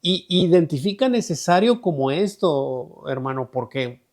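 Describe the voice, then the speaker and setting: A man's voice: a little high, animated, unhurried, darkish tone. A man teaching an online Bible study in a conversational way. He often repeats himself and checks in with "¿verdad?". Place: online group meeting.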